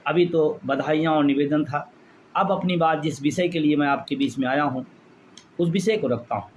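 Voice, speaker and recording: A man's voice: on the high side, normal speed, a little hiss or hum. A man leading a pension movement, giving an impassioned rally speech full of repeated phrases for emphasis.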